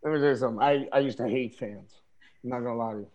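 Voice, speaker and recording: A man's voice: medium pitch, racing, a little mellow, lo-fi sound. A man talking casually over a video call in a streetwise, emphatic way, often asking "you know what I mean?". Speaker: interview guest, wrestler.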